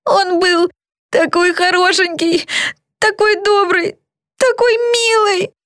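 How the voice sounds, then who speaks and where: Stern young mermaid girl, high and sharp, as a woman reads her, dry close sound. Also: lively intonation, a little fast, no echo. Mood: tearful. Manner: sharp, scolding.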